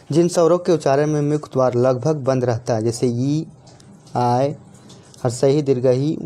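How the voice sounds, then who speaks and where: पुरुष शिक्षक, झारखंड लहजे वाली Hindi. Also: male voice, fairly high pitch, warm tone. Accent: Jharkhand Hindi. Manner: repeats points, asks and answers his own questions. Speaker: teacher. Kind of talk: exam-prep grammar lesson.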